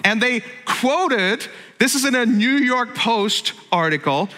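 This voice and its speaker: A middle-aged pastor from Northern Ireland preaches a sermon in a joking, conversational way, constantly interrupting himself with asides. His voice is extremely high, animated and slow, bright and forceful, with a long reverb tail.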